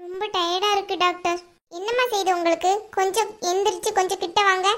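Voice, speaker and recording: A calm, firm female doctor in a cartoon, voiced by a woman. She speaks in a reproving tone. The voice is very high and bright. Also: quick pace, faint music behind. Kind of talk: cartoon voice acting.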